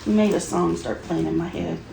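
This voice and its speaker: A woman's voice: lowish voice, very animated, fairly quick. A middle-aged woman chatting casually in a playful, giggly way with frequent exclamations. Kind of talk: casual chat while unboxing Halloween items. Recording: roomy echo with clear background noise.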